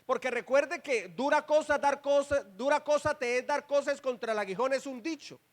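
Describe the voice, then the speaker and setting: Guy preaching in church, pretty high voice, keeps throwing questions at the crowd, emphatic. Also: normal speed. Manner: preaching with rhetorical questions to the congregation; emphatic, calls for response and repetition. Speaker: pastor. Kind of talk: sermon.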